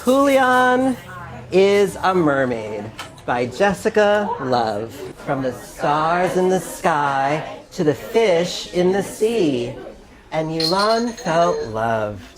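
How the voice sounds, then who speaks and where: A drag queen storyteller reading a picture book aloud to young children, in a slow, animated story-time delivery. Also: mid-range voice, crowd noise.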